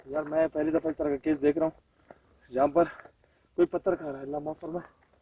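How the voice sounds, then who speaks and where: Urgent man shouting prayers on a ghost hunt. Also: a little high, flat delivery, a little hiss or hum. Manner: urgent, calls out prayers, gives orders. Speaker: paranormal investigator host.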